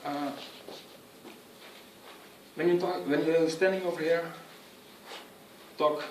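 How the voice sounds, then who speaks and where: A man giving an earnest, instructive speech on public speaking to an audience, with halting phrasing. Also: fairly high pitch, fairly even intonation, far from the mic, background noise. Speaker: speech giver. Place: room with an audience. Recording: echoey room, picked up from afar.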